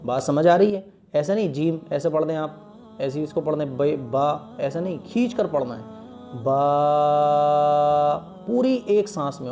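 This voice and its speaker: A man gives a patient Quran lesson, drawing out each letter in one long breath and checking in often with his listeners. His voice sits a little high yet sounds mellow and soft. Faint music plays quietly behind him. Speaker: Quran teacher. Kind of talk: step-by-step lesson teaching Arabic letters.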